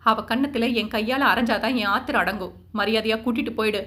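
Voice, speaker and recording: A woman's voice: fairly high pitch, fairly quick, natural voice. A woman voicing a furious scolding mother. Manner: scolding, shouting. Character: furious grieving middle-aged mother.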